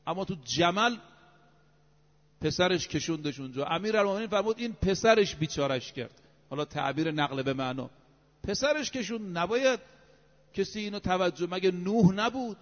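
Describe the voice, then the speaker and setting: Preaching expressively and with emphasis, a man with a notably high voice recites scripture and numbers each point of his sermon. The recording is dull and lo-fi, his words trailing into long hall reverb.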